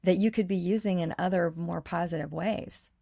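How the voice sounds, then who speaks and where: Gravelly, low woman guest. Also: moderate pace, dark tone, no echo, studio quality. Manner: earnest, explains at length. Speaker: podcast guest. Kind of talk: casual interview chat.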